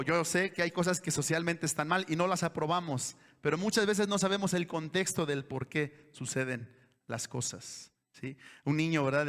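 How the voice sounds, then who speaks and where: A man's voice: on the high side, fairly bright tone, in a large hall. A man preaching a sermon as pastor, earnest and pleading, often putting rhetorical questions to the congregation. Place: church sanctuary.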